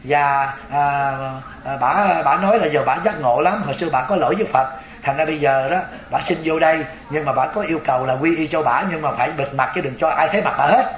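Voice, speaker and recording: A man's voice: a little high, fairly quick, roomy sound, pitched below the performer's own voice, natural voice, poor audio. A man voicing a timid, earnest young novice monk, speaking humbly and flustered. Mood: humble.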